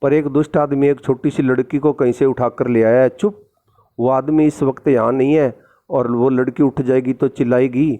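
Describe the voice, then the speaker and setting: A man voicing a kindly, protective talking tree in a storybook play, read aloud a little higher than his own voice. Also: fairly even intonation, normal speed, warm tone, muffled recording, close to an everyday voice. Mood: concerned.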